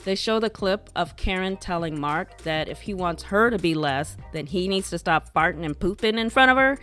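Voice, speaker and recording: A woman's voice: lowish voice, animated, moderate pace, fairly bright tone, soft background music. Chatty woman recapping reality TV gossip. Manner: chatty, wry, opinionated. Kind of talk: scripted gossip recap narration.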